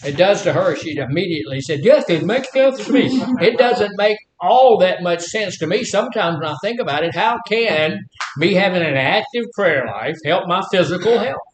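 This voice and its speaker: A man's voice: expressive, moderate pace. An older man in his seventies with a Mississippi Southern accent, giving an informal, folksy teaching talk to a group, repeating phrases and asking rhetorical questions. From Mississippi, United States. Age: 70s. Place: echoey indoor room. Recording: echoey room, faint background noise and rumble.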